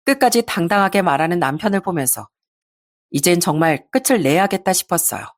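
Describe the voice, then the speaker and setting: A woman's voice: lowish voice, animated, fairly quick, dry recording, clean studio sound. A woman narrating a scripted first-person story in an indignant storytelling manner.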